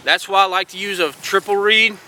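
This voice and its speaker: A man with a high, bright voice explains things patiently outdoors, checking in with his listeners constantly. His casual instructing tone sits over faint outdoor noise. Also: a little fast, rough recording. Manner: folksy and encouraging, repeats "all right" and "guys". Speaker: host teaching duck calling.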